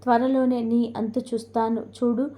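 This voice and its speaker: A woman's voice: fairly high pitch, flat delivery, unhurried, mellow, lightly acted. Woman voicing an angry wind god. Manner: threatening, indignant.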